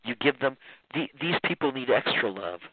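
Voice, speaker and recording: A man's voice: mid-range voice, animated, normal speed, slightly rough, no room sound. A man guest talking in a rambling way with many restarts and frequent laughs. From Iran. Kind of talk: casual interview talk. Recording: tinny phone line.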